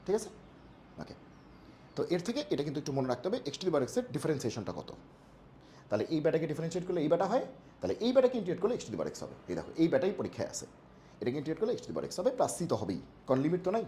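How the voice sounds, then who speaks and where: A man tutoring math for an exam, fast and playful, using jokey homely analogies. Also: on the high side, wildly swooping pitch, warm tone, slight background noise. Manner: talks fast on purpose. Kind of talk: exam-prep math lesson.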